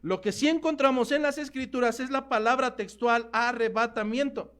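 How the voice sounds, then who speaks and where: A man with a Mexican Spanish accent preaching a sermon as pastor, emphatic, slowing down to stress key words. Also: extremely high pitch, fairly bright tone, smooth.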